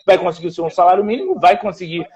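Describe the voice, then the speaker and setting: A man's voice: high voice, lively intonation, fast, a little mellow. A man, a public defender telling a story in a live panel talk and quoting others in dialogue.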